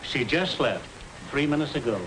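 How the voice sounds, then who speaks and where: An actor playing a brusque, unhelpful gate attendant trading curt banter in a 1930s screwball comedy film. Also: male voice, mid-range voice, animated, normal speed, natural voice. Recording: noisy old 1930s film soundtrack.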